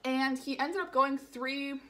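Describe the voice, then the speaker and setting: Higher-voiced young woman telling a story. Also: steady tone, takes it slowly, fairly bright tone. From New York area, USA. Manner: rambling storyteller with many "like" fillers. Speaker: vlogger. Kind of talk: casual storytime vlog.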